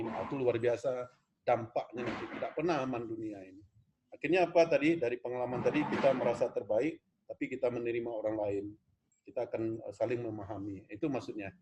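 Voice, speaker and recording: A man's voice: mid-range voice, background noise. Earnest Minang-male lecturer. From West Sumatra, Indonesia. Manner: earnest, rambling, peppers talk with "Pak". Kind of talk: online class discussion. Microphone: video call.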